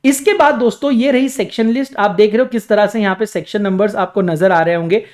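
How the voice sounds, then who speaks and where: Excitable teacher pitching his new book. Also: fast. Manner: excitable, salesy, dramatic emphasis. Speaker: exam coaching teacher. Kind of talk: energetic promotional pitch.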